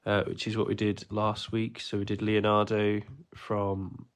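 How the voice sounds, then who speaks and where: A man with a lowish voice, stuffy from a cold, rambles through a casual livestream drawing lesson with plenty of ums and uhs. He's an art teacher running the class, speaking unhurriedly with a completely flat delivery.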